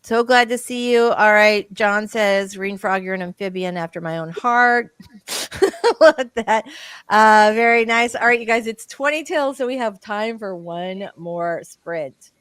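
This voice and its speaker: A woman's voice: medium pitch, measured pace, fairly bright tone, clear, resonant tone, dry recording. A woman co-hosting a casual live-stream chat, reading viewer comments aloud and talking with many restarts. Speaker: livestream co-host.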